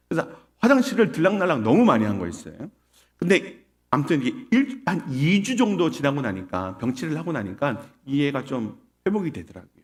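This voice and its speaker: A middle-aged man preaching a sermon as a pastor, telling a personal story in a conversational way with rhetorical questions to the congregation. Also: mid-range voice.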